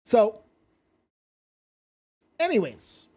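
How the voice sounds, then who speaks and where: A man's voice: high voice, wildly swooping pitch, drawn-out words, a little mellow. A man hosting a casual commentary stream, rambling and blunt, swearing freely and sounding drowsy from medication. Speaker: commentary channel host.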